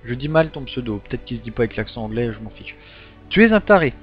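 A man's voice: mid-range voice, very fast. A man giving a casual update to his gaming channel's subscribers, rambling with many ums and restarts. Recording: dull lo-fi sound with faint music.

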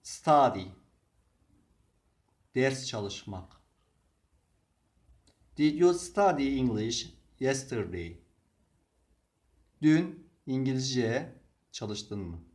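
A man teaching English vocabulary, reading each word and example sentence slowly and deliberately. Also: mid-range voice, animated, a little mellow. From Turkey. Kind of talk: slow vocabulary lesson.

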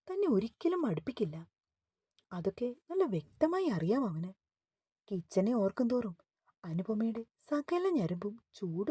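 A woman who authored the story, reading it aloud in a steady, expressive way. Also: fairly high pitch, slightly rough, no room sound, clean studio sound. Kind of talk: reading a romance novel.

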